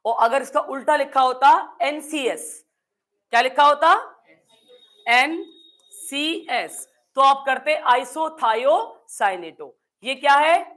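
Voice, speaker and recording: A woman's voice: high-pitched, slow, a bit bright. A woman with a Hindi accent teaching chemistry, quizzing her students and answering her own questions. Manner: acts out confused students in playful asides. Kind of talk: classroom lecture.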